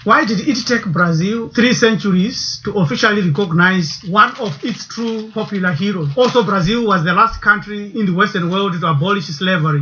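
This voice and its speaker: A man reading scripted documentary narration in a measured way, posing rhetorical questions. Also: high-pitched, a bit bright, muffled recording, slight background noise.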